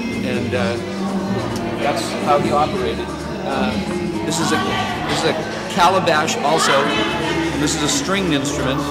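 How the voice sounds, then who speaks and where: A man in his sixties at an indoor fair, explaining exhibits in an unhurried, rambling way with many fillers. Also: medium pitch. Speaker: exhibitor showing artifacts. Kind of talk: casual explaining. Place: indoor gym hall at a fair. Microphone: handheld camera nearby. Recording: loud crowd and music behind.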